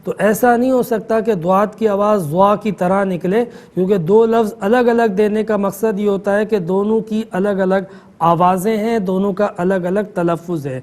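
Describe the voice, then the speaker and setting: High-voiced man explaining religious rulings. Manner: calm explanatory lecturing. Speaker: mufti answering callers. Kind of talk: religious call-in answers.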